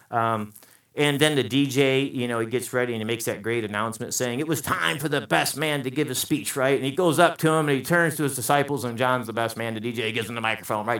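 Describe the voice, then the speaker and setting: A man preaching a sermon to a congregation, animated, calling out for amens. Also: mid-range voice. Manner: animated, call-and-response with congregation. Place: church sanctuary. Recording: echoey room, mic at a distance.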